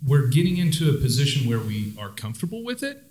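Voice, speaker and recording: A mid-pitched man chatting casually on a podcast. He rambles a little and fills his pauses with ums and uhs, keeping a relaxed, easygoing tone. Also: husky. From Oklahoma. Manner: relaxed, rambling with many fillers. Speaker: podcast co-host and brewer. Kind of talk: casual chat.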